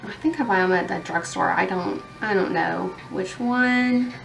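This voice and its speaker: A woman's voice: medium pitch, measured pace, creaky, dull audio, music in the background. A young woman chatting casually as a beauty vlogger while painting her nails, rambling along with lots of fillers.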